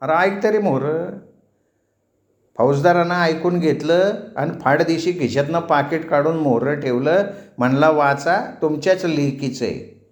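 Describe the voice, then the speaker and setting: A man's voice: a little high, roomy sound, voice pushed up, natural voice. A man putting on a chatty village butcher. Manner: chatty, rustic village dialect, quick banter. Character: Yasin, talkative village butcher, middle-aged man.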